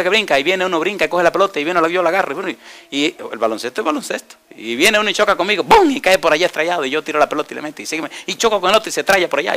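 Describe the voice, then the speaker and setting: A male pastor preaching a sermon, telling a personal story and putting rhetorical questions to the congregation, often rising to loud, high preaching.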